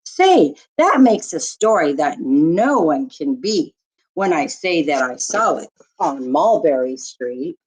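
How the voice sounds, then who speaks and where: Low, husky and darkish in tone, this woman's voice is very animated as she reads a rhyming children's book. She handles it like a teacher telling a story to young listeners, expressive and deliberate.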